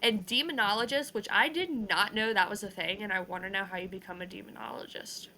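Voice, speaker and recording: Bright, giggly young woman podcaster. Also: medium pitch, brisk, a little hiss or hum. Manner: giggly, says "like" and "ew" a lot. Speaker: podcast co-host. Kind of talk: casual chat.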